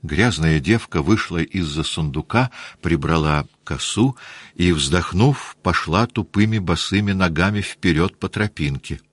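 Deep, husky male narrator. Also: unhurried, dry recording. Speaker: audiobook narrator. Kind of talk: scripted narration of a classic novel.

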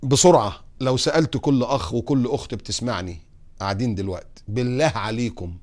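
A man with an Egyptian accent preaching on morals, putting lively rhetorical questions to his audience and telling humorous anecdotes. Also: medium pitch, brisk. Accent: Egyptian Arabic. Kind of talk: religious talk on morals.

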